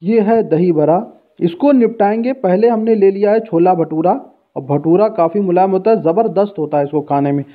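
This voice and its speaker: Guy vlogging food, fairly high voice, tinny phone-line sound. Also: moderate pace. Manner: chatty, guiding the viewer along. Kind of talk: casual walking food-vlog narration. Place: outdoor street and busy food shop. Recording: tinny phone-like street recording.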